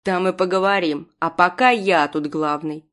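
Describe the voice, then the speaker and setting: A woman's voice: lowish voice, steady tone, moderate pace, a bit bright, lightly acted. A rude, arrogant fake doctor who brushes everyone off, read by a woman in an audiobook. His voice is scornful and smug. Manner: dismissive, smirking.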